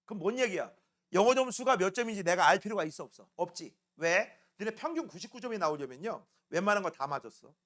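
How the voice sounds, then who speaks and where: A middle-aged man teaching a science class, joking roughly with his students and constantly checking in with tag questions. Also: high voice, expressive, fast talker, fairly bright tone. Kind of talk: classroom lecture.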